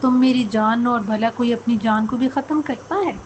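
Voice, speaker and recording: A woman voicing a grieving young husband in a read-aloud story, her own high voice barely changed. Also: steady tone, darkish tone, highs cut off, slight background noise, close to an everyday voice. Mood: coaxing.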